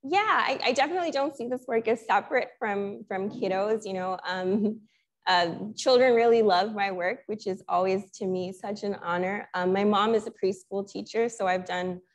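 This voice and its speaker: A young woman from Sri Lanka talks through her art slowly and thoughtfully, pausing and restarting her sentences. Her voice sits at a middle pitch, relaxed and conversational. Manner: reflective, thoughtful, many restarts and fillers. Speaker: guest artist. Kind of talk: conversational Q&A talk.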